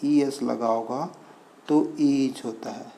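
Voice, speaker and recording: Slow, deliberate male English teacher. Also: mid-range voice, fairly even intonation, vocal fry, dark tone. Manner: slow, deliberate, spelling out letters one by one and repeating example words. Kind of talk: Hindi-language explanation of English pronunciation. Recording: faint cricket and insect noise behind.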